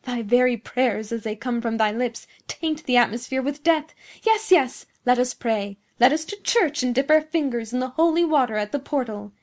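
A woman's voice: a little high, steady tone, a little slow, few pauses. A woman voicing an enraged, venomous young man in archaic, declamatory speech for a dramatic storybook reading. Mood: fiendish scorn. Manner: archaic, declamatory, forceful outbursts. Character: enraged young man, venomous and scornful toward his lover.

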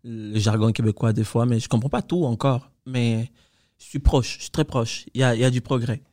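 A man from Cuba, a podcast guest talking casually and telling lively stories, acting out the people he quotes. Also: brisk, dry recording, studio quality. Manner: animated storyteller, acts out quotes with high laughing voice. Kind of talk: casual conversation.

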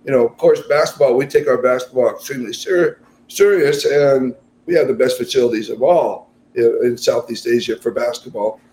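Roomy-sounding basketball coach recalling a tournament. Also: male voice, mid-range voice, moderate pace, a little mellow, slight background noise. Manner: conversational, frequent fillers and restarts. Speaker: national basketball team coach. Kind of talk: interview answers.

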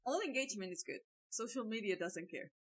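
A woman with a mid-range voice co-hosts a podcast and wraps up the episode. She speaks in a relaxed, chatty way, with easy fillers and casual self-corrections. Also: mid-range voice, fairly quick, rough recording. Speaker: podcast co-host. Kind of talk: casual chat, signing off the episode.

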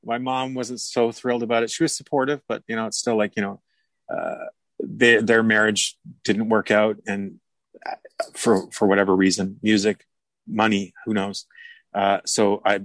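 A man's voice: on the low side, flat delivery, moderate pace, a bit bright, no echo. A man, a music producer and mentor, talking in a casual interview, rambling and correcting himself as he goes and laughing easily.

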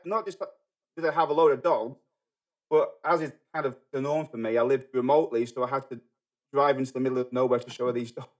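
A middle-aged man from England with a Manchester accent, talking as a podcast guest in a halting way, full of fillers and restarts. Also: medium pitch, steady tone. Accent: Manchester English. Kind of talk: casual podcast conversation.

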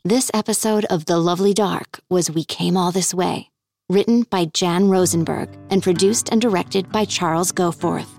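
A woman's voice: on the low side, normal speed, gravelly. Woman announcer over faint guitar music. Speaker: podcast announcer reading end credits. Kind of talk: scripted announcement. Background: soft plucked-string music.

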